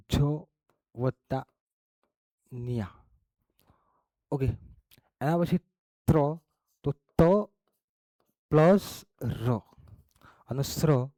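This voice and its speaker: Slow, dry-voiced man teaching. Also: mid-range voice, dark tone, no echo. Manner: slow, explains step by step with frequent "okay?" and "barabar?". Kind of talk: classroom lesson.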